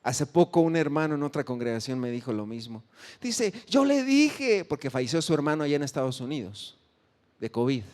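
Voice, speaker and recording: Preaching with emphasis, this pastor has a sing-song voice and a slightly quick pace. He acts out the pleas of the faithful, his pitch and volume shooting up sharply.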